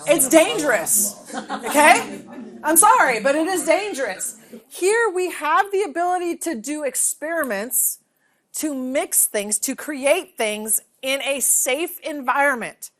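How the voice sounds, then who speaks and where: A teacher trainer in her forties takes things slowly during a hands-on classroom demonstration in a large training room. She has a high, fairly bright voice with lively intonation, and she questions the room and checks in with "okay?".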